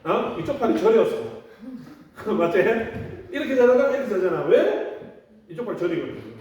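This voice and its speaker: A man's voice: high voice, dark tone. A man who is a youth pastor, giving a casual, chatty sermon and teasing the children with direct questions. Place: church hall. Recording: distant, echoey, dull hall recording.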